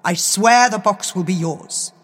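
A woman's voice: medium pitch, unhurried, in a large hall, close to an everyday voice. A woman voicing a stern, proud male sky god in a grand, commanding tone.

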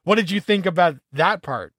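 Man, somewhat high voice, enthusiastic casual recap chat, dry close sound. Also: normal speed, no echo. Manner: enthusiastic, animated fan talk. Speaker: podcast co-host.

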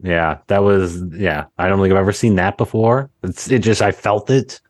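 A man as a podcast guest, chatting about a film in an animated, halting way. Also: deep voice, dry recording. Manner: animated, halting, laughs a lot. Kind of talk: casual film discussion.

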